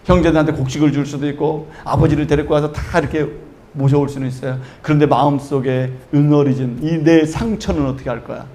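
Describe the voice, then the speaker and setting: A man's voice: a little high, steady tone, fast talker, mellow. A middle-aged man preaching a sermon in a church, emphatic and full of rhetorical questions. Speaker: pastor. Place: church sanctuary.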